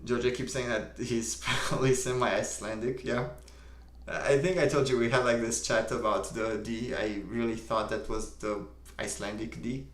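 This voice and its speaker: A young man with a Romanian accent hosts a casual live stream. He reads viewer comments aloud and answers them in a calm, unhurried way, at a middle pitch. His voice carries a noticeable roomy echo. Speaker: livestream host.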